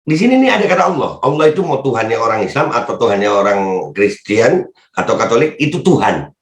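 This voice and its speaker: A man talks in a casual, mocking way. His pitch sits in the middle and jumps up sharply whenever he teases. The recording has a noticeably echoey, roomy sound. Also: very animated, quick pace. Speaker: political commentary vlogger reading comments. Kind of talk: casual Jakarta-slang commentary.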